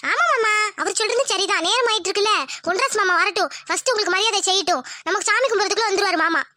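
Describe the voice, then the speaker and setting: A performer voicing a shrill wailing village wife. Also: racing, pushed and bright, no room sound, studio quality. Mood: worried. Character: young village wife, frantic and tearful. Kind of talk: Tamil cartoon drama voice acting.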